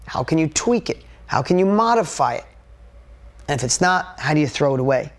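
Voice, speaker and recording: A man's voice: fairly high pitch, gravelly. A middle-aged man giving a candid, emphatic motivational talk, firing off rhetorical questions and swearing now and then. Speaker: motivational speaker.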